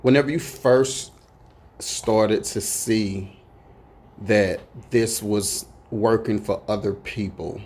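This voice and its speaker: A man hosting a radio interview, asking halting questions full of "uh"s. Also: on the low side, fairly even intonation, a little mellow. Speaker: radio host.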